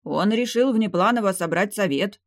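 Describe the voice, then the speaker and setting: A woman's voice: mid-range voice, moderate pace, no room sound, clean studio sound, voice pushed up, lightly acted. A woman voicing an anxious, caring middle-aged noble father in an audiobook. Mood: worried.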